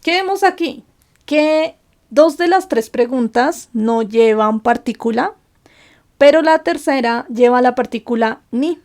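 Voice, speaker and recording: A woman's voice: high-pitched, unhurried, a little mellow. A woman teaching a grammar lesson from slides, patiently asking rhetorical questions and then answering them. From Colombia. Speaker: Japanese teacher. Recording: faint background music.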